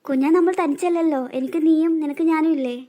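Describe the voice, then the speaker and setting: A woman voicing a kind older sister in a cartoon, gentle and soothing toward her little sister. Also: sits high, fairly even intonation, quick pace, natural voice. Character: kind protective older sister, young girl.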